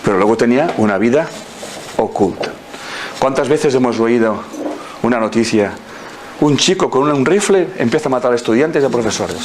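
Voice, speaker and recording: Give me a man, middle-aged, with very expressive pitch, telling stories in a talk. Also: normal speed, a little hiss or hum. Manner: storytelling, acts out quoted people in a higher voice. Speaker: speaker on personal growth. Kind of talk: lively motivational talk.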